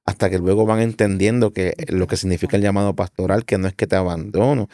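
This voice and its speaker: A man's voice: deep voice, steady tone, quick pace, mellow, no room sound, studio quality. A man hosting a church interview, affirming his guest with amens and asking reflective follow-up questions. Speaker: interview host.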